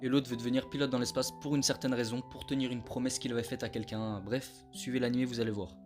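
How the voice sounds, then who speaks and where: A man's voice: mid-range voice, little pitch movement, fast talker, a little mellow. A man chatting casually about an anime on his channel, with slangy, laid-back delivery and joking asides. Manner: self-mocking, joking asides. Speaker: anime YouTuber. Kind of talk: casual anime review vlog. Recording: clear background music under voice.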